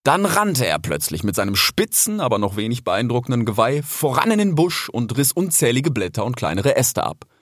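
A man reads a storybook aloud with expressive, animated delivery. His pitch moves a lot across each sentence, at a mid male level. The recording is dry and close, with no room sound. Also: moderate pace, few pauses, no room sound. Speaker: narrator. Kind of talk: audiobook narration.

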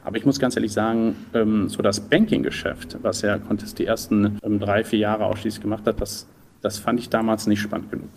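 Speaking a little fast and with a flat delivery, a man in his thirties answers interview questions in a lowish voice, pausing to find his words as he reflects conversationally. He's an entrepreneur from Düsseldorf in the German Rhineland, and a slight hiss or hum sits under the audio.

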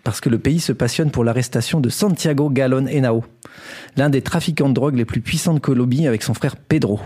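A man's voice: mid-range voice, brisk, mellow, breathy edge. A man hosting a casual sports podcast, telling a story with many fillers and restarts. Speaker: podcast host.

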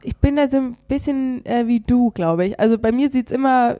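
A woman's voice: a little high, moderate pace, mellow, no room sound, studio quality. A woman with a head cold and a congested, stuffy-nosed voice, chatting informally as a guest on a podcast. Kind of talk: casual podcast chat.

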